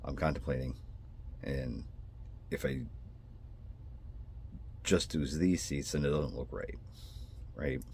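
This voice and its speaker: Rumbling low with vocal fry and a darkish tone, this man talks slowly and pauses often, with slight background noise behind him. He's a father vlogging about building scale models, his twangy voice congested and nasal from his sinuses. He wanders, cuts himself off, says sorry and restarts.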